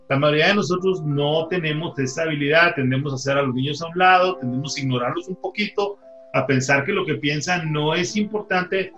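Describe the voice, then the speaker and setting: A man co-hosting a talk show, telling a story in an animated way and acting out the dialogue he quotes. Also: on the high side, reverberant, muffled recording. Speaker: co-host.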